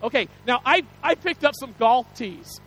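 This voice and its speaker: High-voiced folksy male pastor preaching. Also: expressive, normal speed, a bit bright, poor audio. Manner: folksy, rambling, self-deprecating with many restarts. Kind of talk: sermon.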